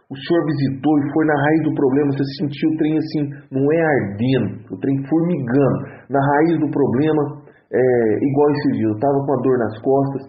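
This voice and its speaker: A Brazilian man giving an earnest religious testimony, repeating his exhortations over and over. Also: medium pitch. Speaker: church member giving testimony. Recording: tinny phone-like audio in an echoey room.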